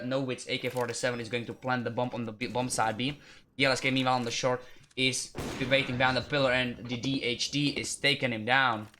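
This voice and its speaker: Male game caster, mid pitch, monotone play-by-play, self-correcting as he goes. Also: a little hiss or hum. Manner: steady running commentary with frequent self-corrections. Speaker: esports caster. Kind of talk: live play-by-play game commentary.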